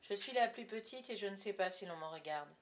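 A woman narrating a story in the first person, with a soft, hushed telling. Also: medium pitch, expressive, a little fast. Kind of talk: storybook reading.

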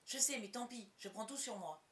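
A woman voicing a calm, dutiful middle-aged male ship's doctor who speaks measured and earnest. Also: a little high, voice pushed up, lightly acted.

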